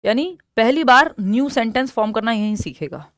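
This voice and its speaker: A young woman with an Indian accent teaching an exam-prep lesson. She explains step by step, repeats key terms slowly and asks questions that she answers herself. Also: fairly high pitch, animated, a bit bright, dry recording, studio quality.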